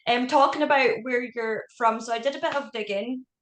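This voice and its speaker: A Scottish woman hosting a podcast interview, friendly and easy-going, quick to laugh. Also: a little high, fairly bright tone. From Scotland. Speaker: podcast host. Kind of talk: casual interview chat. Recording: roomy echo.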